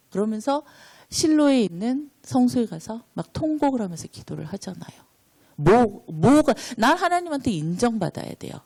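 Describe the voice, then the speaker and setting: A woman's voice: lowish voice, warm tone. A woman preaching an interactive sermon, asking the congregation questions and then answering them.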